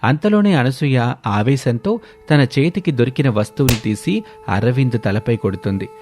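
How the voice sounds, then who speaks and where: Steady male storybook narrator. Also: medium pitch, moderate pace, music in the background.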